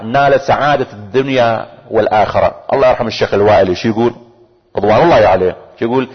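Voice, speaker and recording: Man, preacher, fervent sermon, rapid delivery, raspy, dull lo-fi sound. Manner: rising to fervent, chanting high pitch on salutations; addresses listeners directly, repeats phrases for emphasis. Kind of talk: religious sermon. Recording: lo-fi recording with long hall reverb.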